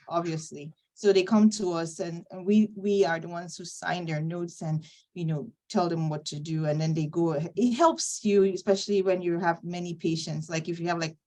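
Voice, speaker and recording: A woman talks casually as a guest, explaining her work with plenty of "you know" fillers. Her tone is relaxed and conversational throughout. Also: lowish voice, far from the mic. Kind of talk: casual video call chat.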